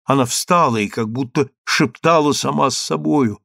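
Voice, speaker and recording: A man narrating a dramatic story in a steady, measured storybook reading. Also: mid-range voice, creaky, no room sound, studio quality. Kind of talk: audiobook narration.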